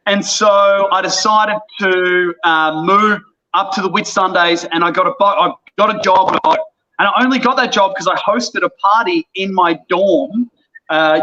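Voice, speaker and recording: An Australian podcast guest in his thirties tells a story in casual chat, animatedly acting out the voices of the people in it. His voice sits high, and the recording sounds lo-fi.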